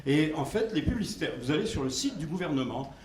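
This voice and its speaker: A man speaking at a conference question period, making a deliberate, argumentative point with fillers. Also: on the high side, lively intonation. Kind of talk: Q&A discussion. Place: conference hall. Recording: echoey hall with faint noise.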